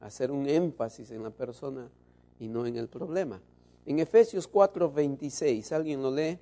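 A man preaching a sermon to his congregation, shifting between loud emphasis and soft, low asides. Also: moderate pace.

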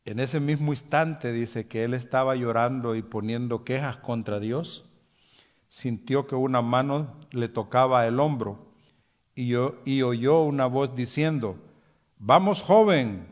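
A man preaching a sermon, pausing on fillers and restarts and dropping soft at the ends of lines, by his own account a hasty person. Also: medium pitch, steady tone. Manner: self-described hasty.

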